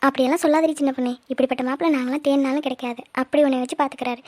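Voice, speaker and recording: A fond cartoon aunt who keeps the peace in the family, voiced by a woman. She speaks very fast in a high, dry voice. Her manner is soothing, with gentle scolding. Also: steady tone, no room sound, natural voice. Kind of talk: cartoon voice acting.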